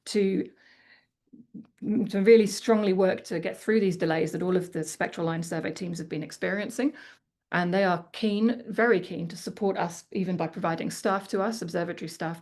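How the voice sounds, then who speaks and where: A woman's voice: lowish voice, darkish tone. A woman with an Australian accent giving a conference talk, then chatting candidly with many casual fillers. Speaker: conference speaker.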